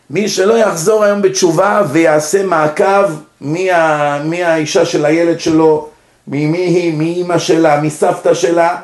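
Male Israeli-accented religious lecturer, voice a little high, explaining didactically with rhetorical questions, heard in a reverberant room. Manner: didactic, asks and answers own questions. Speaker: rabbi giving a religious lecture. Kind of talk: informal Torah lecture to an audience. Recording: echoey room.

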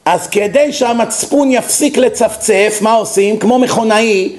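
A man gives a religious lecture as a rabbi, animatedly telling stories and posing rhetorical questions to his listeners. His voice is high-pitched and the sound is reverberant.

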